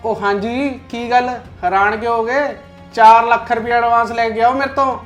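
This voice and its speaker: A man's voice: very high voice, steady tone, soft background music. An actor playing an aggrieved businessman demanding his advance back, speaking insistently with a Punjabi accent. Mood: pleading. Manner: insistent, quick to anger. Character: aggrieved male businessman, hot-tempered creditor. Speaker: client owed an order. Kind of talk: web drama acting.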